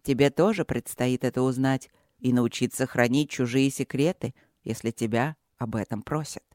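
A woman doing a calm, serene dragon swordmaster. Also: rumbling low, dry recording, studio quality, pitched below the performer's own voice. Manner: unhurried, gently stern. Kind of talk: audiobook character voice.

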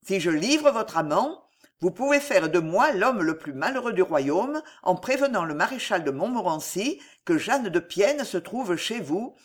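A reader voicing a cold, scheming nobleman, speaking in a grim, commanding, measured way in an audiobook. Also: high voice, heavily acted. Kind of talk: audiobook character voice.

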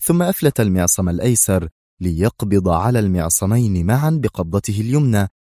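A man narrating an action novel as a dramatic audiobook, moving his pitch a lot through the story. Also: very animated, a little fast, mellow, no echo, clean studio sound.

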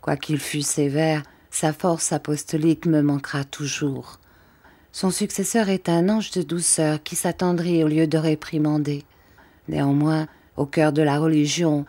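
A woman's voice: sits low, warm tone. A woman reading the part of a tormented, devout young countess in an audiobook, pleading and questioning.

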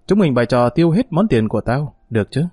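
A man's voice: mid-range voice, sing-song, fast talker, mellow, no room sound, studio quality. Man voicing a brash young street hoodlum. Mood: swaggering. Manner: rough, bossy swagger.

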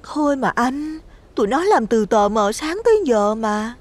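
A man voicing a greedy, wheedling young countrywoman in a high, breathy falsetto. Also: expressive, measured pace. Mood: coaxing. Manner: coaxing, hesitant.

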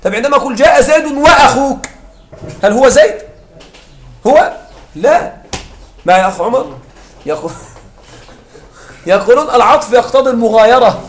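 In an echoey classroom, a man with a very high, animated voice teaches grammar at a normal speed, pausing often. He explains through repeated examples and keeps asking his students whether they follow.

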